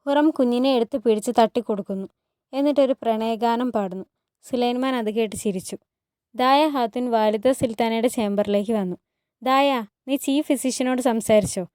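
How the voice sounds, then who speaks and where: A woman tells a palace drama as a spoken story and reads every character's lines herself. Her voice sits a little high and sounds mellow and soft. The recording is close and dry, with no room sound. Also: no room sound. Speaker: narrator retelling a TV drama. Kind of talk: storytelling narration with acted dialogue.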